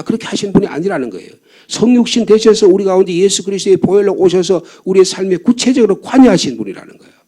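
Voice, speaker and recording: An older man with a high, mellow voice serves as pastor for a fervent dawn sermon in the church sanctuary. He asks the congregation questions and returns to key points again and again.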